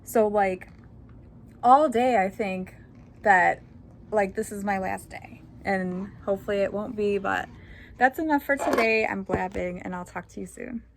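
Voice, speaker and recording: A woman in her thirties chats straight into a camera mic in a casual personal vlog. Her pitch sits in the middle of the range, and she rambles candidly, filling gaps with "like" and "um". A faint wash of background noise runs under the whole take. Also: a little slow, creaky. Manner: chatty, candid, rambling with many fillers. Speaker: vlogger.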